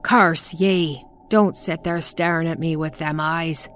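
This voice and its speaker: A raving old crone in a spoken horror story, acted by a woman, her voice pitched low and her words dragging slowly. She rants in a rustic old-timer dialect and drops without warning from shouts to hoarse whispers. A faint hiss sits under the recording. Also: steady tone, heavily acted. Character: frantic, raving old woman, half-mad with dread.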